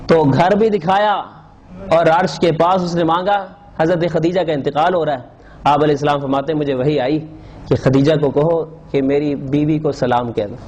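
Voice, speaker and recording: A man's voice: on the high side, fairly even intonation, a little mellow, dull audio. A man preaching a sermon in Urdu, telling a story with emotion and repeated sighing exclamations.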